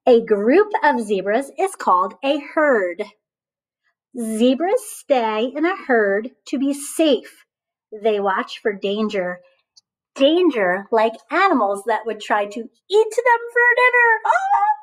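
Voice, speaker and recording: A fairly high-pitched woman reads a picture book to little kids in the style of their teacher, energetic and supportive, frequently pausing after her questions for answers. The audio is poor.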